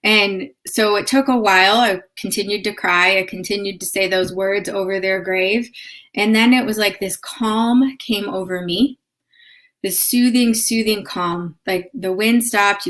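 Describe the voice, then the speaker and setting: Woman, middle-aged, bright tense voice, earnest heartfelt storytelling, spiritual live-stream host. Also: mid-range voice. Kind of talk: personal storytelling.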